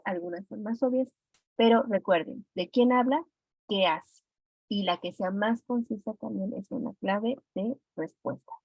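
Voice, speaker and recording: During a classroom exam review, a woman with a Mexican Spanish accent walks students through each answer and quizzes them by name. She has a mid-range, creaky, husky voice with a darkish tone, captured in a dry, dull lo-fi recording.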